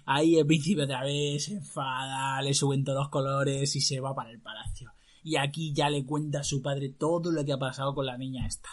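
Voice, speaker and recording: A man telling a folk tale aloud to a listener in a lively, earthy, colloquial way. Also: medium pitch, fairly quick. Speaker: storyteller.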